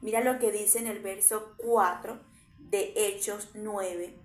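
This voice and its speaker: A woman's voice: medium pitch, steady tone, takes it slowly. Fervent woman preaching in echoey room. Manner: fervent, rising to emphatic outbursts. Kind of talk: sermon.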